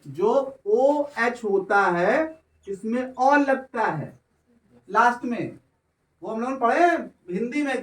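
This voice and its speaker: A male chemistry teacher with an extremely high, slightly bright voice lectures a class, drawing out his words and repeatedly asking whether students follow. He sounds far off in an echoey room.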